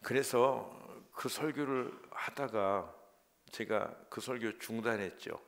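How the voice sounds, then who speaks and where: Gravelly-voiced pastor pleading in sermon. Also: male voice, medium pitch, slow. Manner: emotional, swings from loud pleas to hushed whispered prayers.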